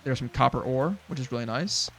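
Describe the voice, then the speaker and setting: A man's voice: mid-range voice, a little fast, fairly bright tone, soft background music. A man streaming a farming game, chatting casually with lots of fillers and restarts. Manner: rambling, many fillers and restarts, chuckles. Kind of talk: casual gameplay chat.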